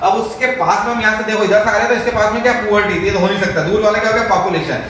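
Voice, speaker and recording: High-voiced Indian teacher in echoey room. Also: male voice, fairly even intonation, racing, fairly bright tone. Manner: mixes English and Hindi, repeats questions to pupils and answers them himself. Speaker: grammar teacher. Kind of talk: classroom grammar lesson. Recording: very echoey room with faint noise.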